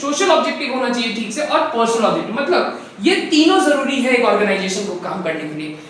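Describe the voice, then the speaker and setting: A man teaching a recorded lesson from handwritten notes. He talks fast, says so himself, mixes in English, slows down to read definitions, and keeps checking in with the class. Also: very high-pitched, lively intonation, fairly bright tone, slight background noise. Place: room with board, writing notes. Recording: very echoey room, voice far from the mic.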